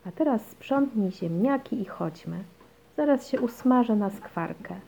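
A woman reading a children's storybook, voicing a tired but patient mother who stays gently firm. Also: a little high, lively intonation, unhurried, creaky, a little hiss or hum, voice pushed up. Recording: dull lo-fi recording.

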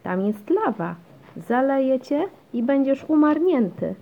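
A stubborn, cheeky little girl from a storybook, whiny and insistent, her voice pitched well up as a woman reads her part. Her delivery is slow and gravelly at the edges. The recording sounds dull and lo-fi. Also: expressive. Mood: pleading.

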